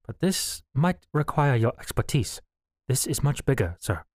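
A man's voice: mid-range voice, sing-song, unhurried, darkish tone, dry recording, clean studio sound. A man voicing a young male first officer with a wry, teasing manner. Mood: earnest. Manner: smirking, playful.

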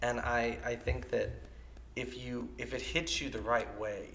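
A man talking as a podcast guest in an animated casual chat, his voice dropping at times to near whispers. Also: medium pitch, measured pace, creaky, slight background noise.

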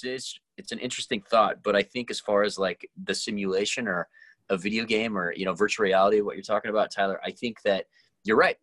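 Fast-talking low-voiced man, dry sound. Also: fairly bright tone, no echo. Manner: rambling, loose and talkative. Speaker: podcast co-host. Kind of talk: casual chat.

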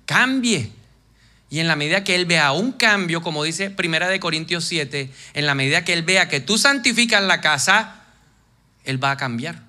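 A man preaching as pastor to a congregation, lively, acting out quoted voices and dropping to soft, intense tones. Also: fairly high pitch, moderate pace. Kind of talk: sermon.

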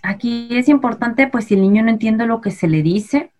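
A woman's voice: on the high side, moderate pace, a little mellow, soft background music. A woman with a Mexican accent, a child language specialist, patiently explaining in an interview and posing rhetorical questions. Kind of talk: expert interview answers.

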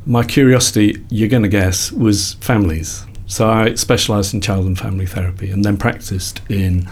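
A Liverpool-born psychologist in his sixties, who founded a company, recounts his career as a guest in a relaxed interview. His pitch is fairly low and his tone steady, with normal speed and a voice that's a little mellow and slightly rough. He meanders thoughtfully and keeps correcting himself.

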